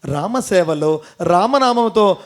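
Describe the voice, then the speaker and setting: Male devotional storyteller, Telugu accent, high voice, quizzes the crowd and acts out the characters. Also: expressive, takes it slowly. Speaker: spiritual storyteller and motivational speaker. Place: temple hall with audience.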